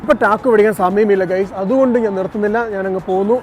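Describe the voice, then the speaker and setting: Talking very fast, this Malayalam-accented man narrates his trip to viewers, slipping English words into his Malayalam. His voice sits high with a steady, darkish tone. The casual vlog takes him from a city bus through busy outdoor streets.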